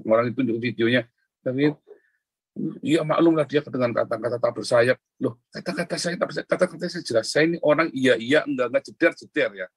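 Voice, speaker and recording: A middle-aged man preaching a sermon as a pastor, blunt and animated, joking and laughing with his listeners. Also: mid-range voice, husky, no echo, poor audio.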